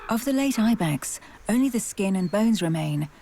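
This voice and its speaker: A woman's voice: mid-range voice, expressive, moderate pace, mellow, a little hiss or hum. A woman reading scripted narration for a wildlife documentary.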